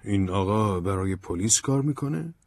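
A man's voice: fairly low pitch, expressive, vocal fry, darkish tone, dry recording, clean studio sound. A man doing a persistent, insistent investigator. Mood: urgent. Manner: insistent, persuasive. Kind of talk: audiobook drama reading.

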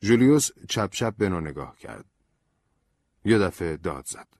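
Deep-voiced male audiobook narrator. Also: very animated, a little mellow, no echo, clean studio sound.

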